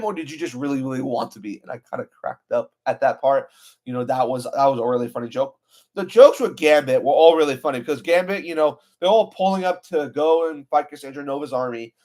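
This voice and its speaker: A man with a mid-range, slightly mellow voice hosts his own channel and talks through a film in a casual movie review. He's enthusiastic and rambling, with lots of "you know" and "like" fillers.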